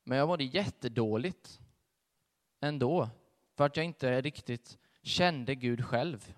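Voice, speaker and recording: A young man giving a sermon with a personal testimony, telling his story in a conversational, animated way. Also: medium pitch. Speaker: preacher. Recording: long hall reverb.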